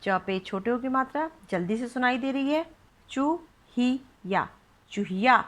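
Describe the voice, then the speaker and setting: A woman's voice: on the high side, moderate pace, fairly bright tone. A woman teaching young children to read, spelling words out syllable by syllable with patient questions. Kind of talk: children's phonics lesson.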